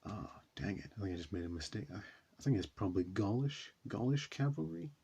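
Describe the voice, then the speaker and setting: A man's voice: lowish voice, very animated, a little fast, gravelly, dark tone, husky. A man hosting a reaction video, talking casually and rambling with many fillers. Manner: rambling, says you know a lot.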